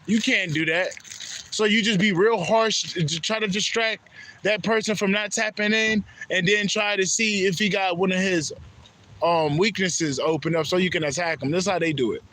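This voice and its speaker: A man's voice: high voice, normal speed, a bit bright, slight background noise. A man from Haiti giving a rambling, profane spiritual monologue that repeats itself. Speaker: spiritual vlogger.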